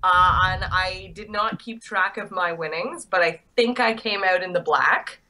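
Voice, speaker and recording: A woman's voice: mid-range voice, measured pace, pushed and bright. A woman hosting a casual sports podcast chat, teasing her co-hosts playfully. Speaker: podcast host.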